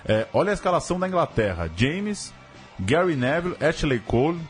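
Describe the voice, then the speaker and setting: A man's voice: on the high side, very animated, a little fast, soft background music. A man with a Brazilian accent in casual football chat as a co-host.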